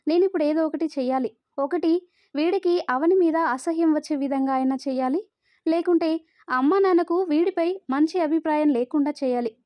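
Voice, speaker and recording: A woman voicing a headstrong young village bride-to-be, sharp and scheming, in a storybook reading. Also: high-pitched, fairly quick, no echo, muffled recording, close to an everyday voice.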